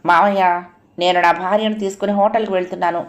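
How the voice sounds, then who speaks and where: A woman's voice: on the low side, steady tone, fairly quick, muffled recording, natural voice. A woman voicing a bitter, proud rich young man who speaks coldly and scornfully in a storybook reading. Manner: cold, cutting, scornful.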